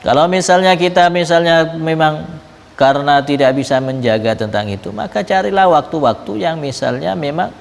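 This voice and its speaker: A man's voice: a little high, moderate pace, gravelly. A man giving a Ramadan religious lesson, telling a story in a conversational way and mixing in Arabic-derived pronouns. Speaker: religious teacher. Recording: reverberant hall.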